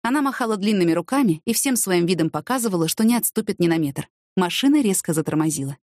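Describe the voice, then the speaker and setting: A woman's voice: fairly low pitch, quick pace, dry recording. Woman narrating an audiobook, dry sound. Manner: steady, expressive storytelling. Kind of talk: scripted narration. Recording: dry studio reading.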